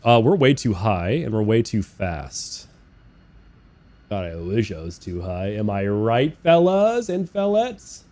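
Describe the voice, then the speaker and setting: A young man live-streaming a flight sim, chatting casually and rambling, swearing freely, talking to his chat and bursting into loud incredulous rants. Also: lowish voice, measured pace. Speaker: game streamer. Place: living in Australia.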